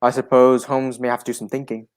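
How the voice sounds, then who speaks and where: A man acting a genial, proper gentleman doctor who narrates a radio drama. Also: medium pitch, level tone, fast talker, clean tone, natural voice. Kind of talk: adaptation of a 1940s radio drama.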